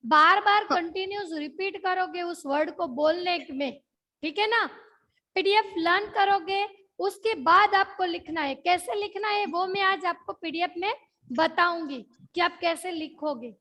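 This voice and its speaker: The voice is a young woman's, extremely high in pitch, pushed and bright, carrying a Gujarati accent. She's leading an online class, blending in English words and repeating questions so she knows the kids are following along.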